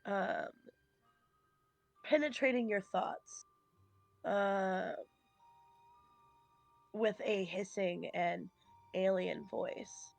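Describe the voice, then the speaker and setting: A woman's voice: medium pitch, extremely slow, creaky, long pauses, soft background music. A woman narrating as game master of a tabletop game, hesitant with many fillers.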